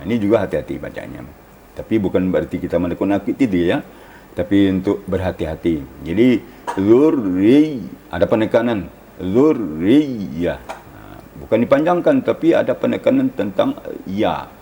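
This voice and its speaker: A man teaching Quran recitation on television, patiently explaining the rules and slowly chanting example words. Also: low voice, lively intonation, creaky, warm tone, a little hiss or hum. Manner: patient, slow demonstrations with drawn-out chanted words. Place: television studio.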